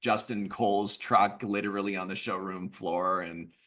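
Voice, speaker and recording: A man's voice: low voice, fairly even intonation, normal speed, pushed and bright. A man hosting a casual online group chat in an enthusiastic, informal, buddy-like way. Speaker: host of online group meeting.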